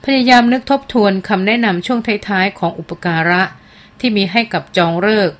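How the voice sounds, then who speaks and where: A woman reading a novel aloud as audiobook narration. Her delivery is measured and steady. Her voice sits at an ordinary middle pitch.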